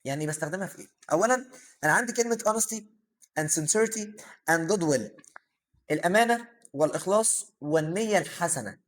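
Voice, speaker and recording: Fast-talking Egyptian male teacher. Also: high voice, fairly bright tone. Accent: Egyptian Arabic. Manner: explains terms and asks himself questions, fillers like "aah". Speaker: English teacher. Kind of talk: vocabulary lesson for secondary students.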